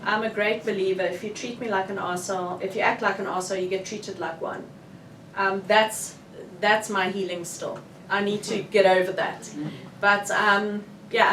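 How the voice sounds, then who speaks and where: Frank South African woman in a room. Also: medium pitch. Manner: frank and animated. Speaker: author. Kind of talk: candid book launch discussion. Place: bookshop event room. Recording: roomy, distant, with faint room noise.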